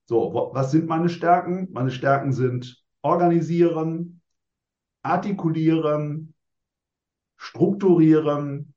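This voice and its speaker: A man in his sixties answering interview questions in a measured, formal, well-structured way. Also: on the high side, dark tone, echoey room, muffled recording. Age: 60s.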